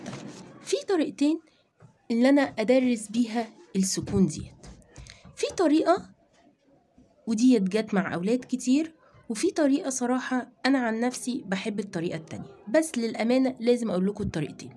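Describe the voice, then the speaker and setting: Woman, Egyptian Arabic accent, children's reading teacher, step-by-step explaining, asks and answers her own questions, slow drawn-out letter sounds. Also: on the high side, expressive, dark tone.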